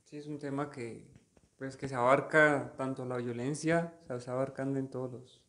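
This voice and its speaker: A man from Colombia talking about art in a measured, explanatory way during a casual studio conversation. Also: medium pitch, fairly even intonation, fairly bright tone.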